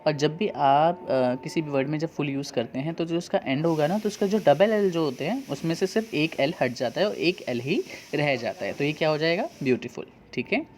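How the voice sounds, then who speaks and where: A man's voice: a little high, animated, brisk, few pauses, a little mellow, slight background noise. A male teacher with an Indian accent, explaining spelling rules to seventh graders, asking rhetorical questions and answering them himself.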